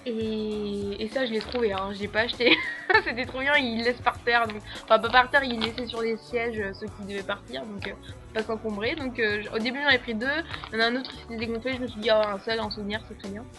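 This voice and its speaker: A young French au pair vlogs casually to camera in a fairly high voice with a French accent, talking fairly quickly with fairly even intonation over music. She rambles, using plenty of fillers and giggling often.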